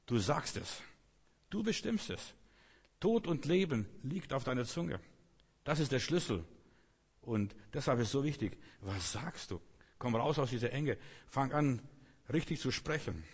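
A man's voice: medium pitch, very animated, measured pace, long pauses, husky. A man preaching a sermon with emphatic repetition, sometimes acting out complaining voices. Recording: long hall reverb.

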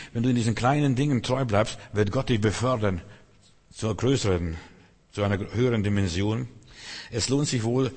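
A man's voice: medium pitch, slightly rough, in a large hall. A man preaching a sermon, earnest and exhorting, speaking straight to the listener.

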